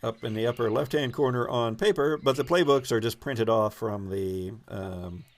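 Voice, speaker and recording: A man with a medium-pitched voice acts as game master and host, improvising narration and explaining the rules in a halting manner, as if thinking aloud.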